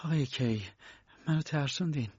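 A man's voice: on the high side, darkish tone, husky, dry recording, dull audio, voice pushed up. A man reading an audiobook, voicing a tired young woman lodger in a raised, tense voice. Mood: startled, weary.

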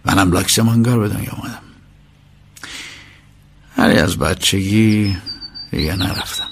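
A man voicing a calm, aloof young master in a storybook reading, speaking slowly and patronisingly. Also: fairly low pitch, creaky, slight background noise, voice pushed down.

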